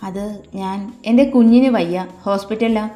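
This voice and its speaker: A woman's voice: mid-range voice, normal speed, natural voice. A woman voicing a troubled young father who speaks tensely and curtly. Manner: tense, curt. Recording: echoey room with soft music.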